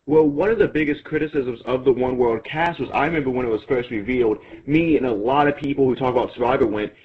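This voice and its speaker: A man hosting a podcast interview, asking questions in a calm, conversational way. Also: medium pitch, fast talker, husky. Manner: calm, conversational, brief affirmations. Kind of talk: casual interview chat. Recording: tinny phone-line audio.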